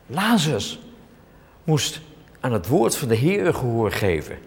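A man preaching a sermon in an emphatic, dramatic way, his voice swinging widely in pitch and loudness. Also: sing-song, unhurried. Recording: long hall reverb.

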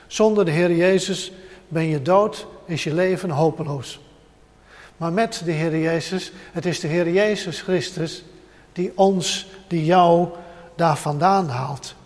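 Slow high-voiced preacher in a reverberant hall. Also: male voice. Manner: emphatic, repeats short phrases in build-ups; addresses listeners directly. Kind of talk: sermon.

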